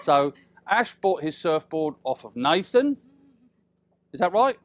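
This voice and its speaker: A middle-aged British man giving an informal, humorous wedding speech as father of the bride, chatty and teasing, with deliberate pauses and tag questions. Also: a little high, very animated.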